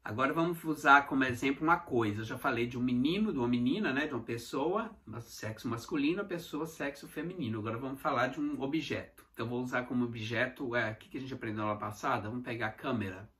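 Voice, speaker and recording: Bright-voiced Brazilian English teacher. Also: male voice, mid-range voice. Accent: Brazilian Portuguese. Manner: patient, repeats examples slowly, keeps saying "então". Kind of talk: casual video lesson.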